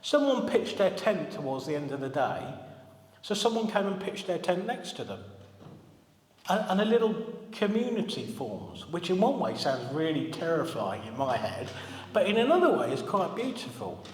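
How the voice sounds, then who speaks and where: A man's voice: fairly high pitch, big pitch swings, moderate pace, a little hiss or hum. Brief: man in his forties, minister, conversational storytelling sermon, light humour, long hall reverb. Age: 40s. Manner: chatty, humorous storytelling, asks the congregation questions. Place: church hall.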